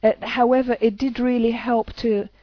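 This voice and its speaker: A woman's voice: a little high, flat delivery, normal speed, no echo, dull audio. A woman, an EFT practitioner, talking casually to camera with many hesitant restarts.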